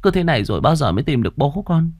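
A desperate young village girl , as a man puts her on, her voice pushed up high and strained with grief. Dry, close sound of an audio storybook. Anxious and tearful throughout. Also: very animated, racing, a little mellow, no echo. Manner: high, sobbing cries.

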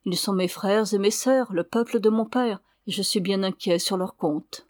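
In an audiobook, a woman voices an earnest, sorrowful young Indian man. She speaks at medium pitch and a moderate pace, slightly mellow and close to an everyday voice, recorded clean in a studio with no room sound.

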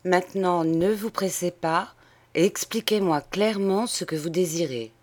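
A woman's voice: on the low side, normal speed, a little mellow, natural voice. A woman voicing a grave middle-aged male lawyer who questions firmly and presses for answers, in a storybook reading. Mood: coaxing.

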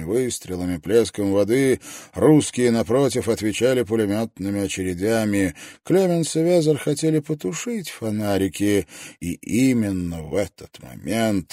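A man reading an audiobook narration in a steady, measured way. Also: fairly low pitch, dry recording, studio quality.

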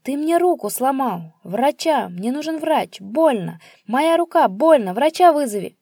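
A woman's voice: unhurried, mellow, breathy edge, no echo, studio quality. A woman voicing a spiteful old male pensioner who screeches and jeers at his son. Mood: shrieking. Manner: shrill, screeching, jeering.

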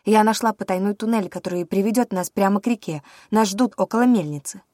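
A woman's voice: lowish voice, normal speed, dry recording, studio quality, lightly acted. A woman voicing a fierce, defiant young witch heroine with an urgent, fiery delivery.

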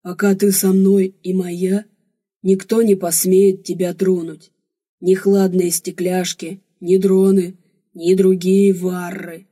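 A woman voicing a giant, possessive male alien barbarian warrior in an audiobook, speaking in a low, hushed murmur. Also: level tone, slow, husky.

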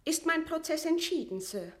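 Voicing the same kind of role, a proud and aggrieved captive queen in a German verse radio play, this actress speaks at a normal pace in a very high voice with wide pitch swings. Her formal, declamatory delivery stays dignified and commanding while sounding anxious and challenging.

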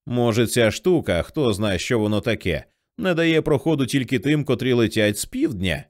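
A man voicing a rough, foul-mouthed male local in an audiobook, cursing bluntly and turning thin and hysterical when scared. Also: expressive, moderate pace, natural voice. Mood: awed. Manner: swears bluntly, turns shrill in panic. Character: rough older male local, crude-tongued.

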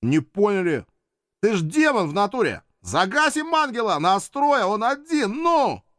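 A man's voice: sits high, very animated, unhurried, a bit bright, no echo, clean studio sound, pitched above the performer's own voice, heavily acted. A man doing a fawning, thuggish imp. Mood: pushy. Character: brash, swaggering male imps, street thugs.

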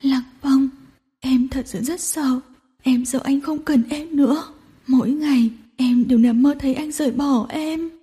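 A woman's voice: high voice, steady tone, moderate pace, mellow, voice pushed up, lightly acted. A woman reading a storybook and voicing a tearful, clingy young woman who pleads between sobs. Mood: sobbing, pleading. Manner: sobbing, pleading, breathy.

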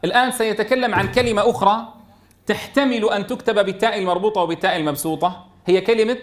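A man teaching a tajweed lesson, asking questions and answering them himself, and chanting verse lines slowly. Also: sits high. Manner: explains by asking and answering his own questions. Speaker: Quran teacher.

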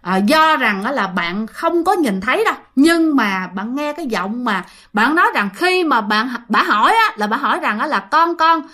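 Female host, higher voice, chatty ghost-story teller who talks straight to listeners. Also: lively intonation, moderate pace, few pauses, pushed and bright. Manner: chatty, addresses listeners directly, many fillers. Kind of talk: casual storytelling.

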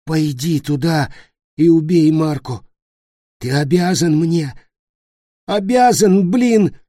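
A dying teenage boy from a storybook, voiced by a male narrator, desperate and furious. His strained voice leaps high above the reader's and turns loud and raw. Husky, close and dry. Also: slow pace, no room sound. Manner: pleading, then shouting in fury. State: weak and coughing.

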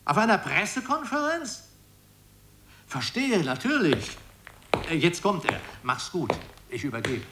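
A coarse, no-nonsense justice minister handles a phone call with blunt, matter-of-fact talk in a radio play. His voice sits at a middle pitch and moves in a lively way. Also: measured pace, pauses often, a little hiss or hum, exaggerated voice. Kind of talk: 1990s radio play satire.

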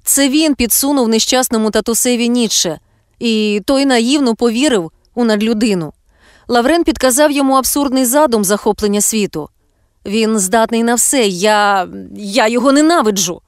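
A tearful, pleading young woman student in an audiobook, voiced by an actress. Her voice sits high and keeps rising with feeling. The recording is dry and close. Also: a little fast, dry recording, close to an everyday voice.

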